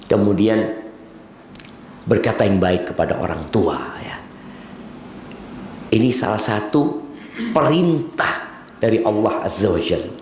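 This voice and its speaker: Male preacher, expressive swooping delivery, echoey room with faint background hum. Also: medium pitch. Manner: lively lecturing, rhetorical questions, mixes in Javanese phrases. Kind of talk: sermon.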